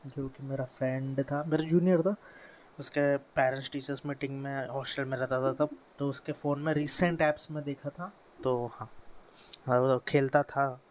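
A teenage boy from India, with a medium-pitched male voice, walks through a mobile game tutorial in a casual screen recording, rambling with fillers and self-corrections. His intonation is fairly even and his pace moderate, with a fan running in his bedroom and a little hiss or hum.

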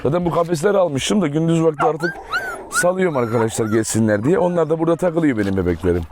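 A man's voice: on the high side, lively intonation, a little mellow, slight background noise. A young man chatting casually as he walks viewers around his dog farm outdoors, often cooing affectionately at his dogs. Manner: fast, affectionate baby talk to his dogs. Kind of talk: casual vlog walkthrough.

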